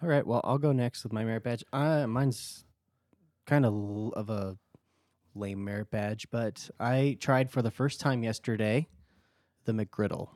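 A married man co-hosting a casual podcast, speaking quickly and offhandedly. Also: lowish voice, darkish tone, dry recording, clean studio sound. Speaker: podcast co-host. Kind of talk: casual chat.

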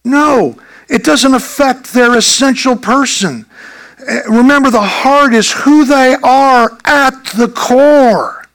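A man's voice: extremely high pitch, takes it slowly, a bit bright. A male pastor preaching a sermon in a conversational, emphatic way.

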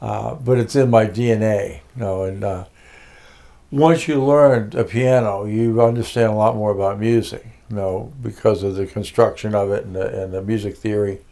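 A man's voice: fairly low pitch, moderate pace, vocal fry, mellow. An older man from Connecticut, a music producer being interviewed, telling his life story casually with many fillers and restarts.

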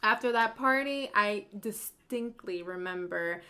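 A woman's voice: mid-range voice, measured pace, pushed and bright, clear, resonant tone. Chatty woman telling a story. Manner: chatty, full of "like" fillers, laughs often. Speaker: podcast co-host. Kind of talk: casual storytelling chat.

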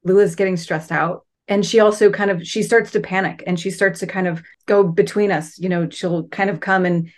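A woman's voice: mid-range voice, steady tone, fairly quick, hardly any pauses. A woman chatting in an enthusiastic, affectionate way and asking for advice. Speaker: guest asking questions. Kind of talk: casual chat.

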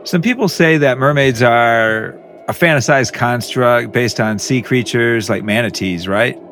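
A man co-hosting a podcast in casual banter, jokey and quick to laugh. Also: medium pitch, a bit bright, a little hiss or hum. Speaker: podcast co-host.

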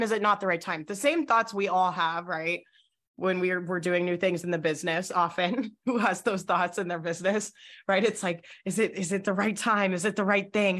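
A young woman coaching business owners on a casual livestream, bubbly and chatty, her voice getting hoarse. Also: mid-range voice, fairly bright tone. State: voice going hoarse.

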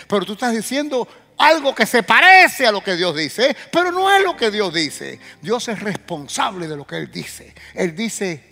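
Male pastor, sermon delivery, high ringing voice with sudden loud surges; reverberant hall, soft music bed. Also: creaky. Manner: preaching with sudden loud rising bursts and direct questions to the congregation.

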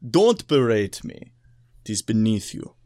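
A man's voice: lowish voice, big pitch swings, unhurried, dark tone, no echo. A man voicing a proud, brooding long-eared stranger in a tabletop game, speaking in a terse, formal, commanding way. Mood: defensive brooding.

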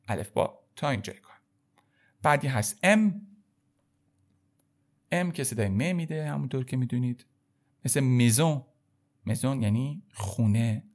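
A man at a middle pitch teaches French letters in an easygoing spoken lesson. He calls his learners kids and stretches out each sound so they can repeat it. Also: a little mellow. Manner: repeats sounds slowly and addresses viewers as kids.

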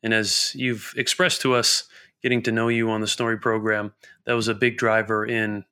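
A man's voice: fairly low pitch, flat delivery, normal speed, sharp tone, smooth. A man co-hosting a casual podcast, asking long, friendly questions. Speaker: podcast co-host.

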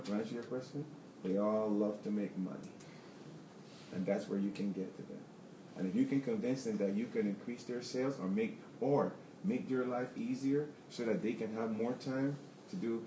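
Brief: candid male business owner, rambling restarts, deep-ish, faint room noise. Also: a little mellow, reverberant, low-quality recording. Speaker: plumbing business owner on a panel. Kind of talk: answering audience questions.

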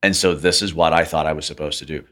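A man's voice: very deep voice, fairly even intonation, fast talker, sharp tone. A man co-hosting a podcast, speaking earnestly and reflectively in casual conversation. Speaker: podcast co-host. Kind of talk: casual chat.

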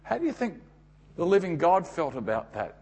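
An Australian man preaching a sermon, telling the story dramatically with emphatic pauses and rhetorical questions. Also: on the high side, very animated, darkish tone, breathy edge.

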